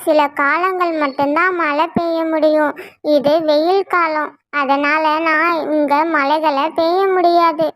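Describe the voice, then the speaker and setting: A woman's voice: high-pitched, steady tone, takes it slowly, fairly bright tone, no room sound, clean studio sound. A woman voicing a worried mother cloud in a cartoon, asking for her lost child in an anxious, imploring way.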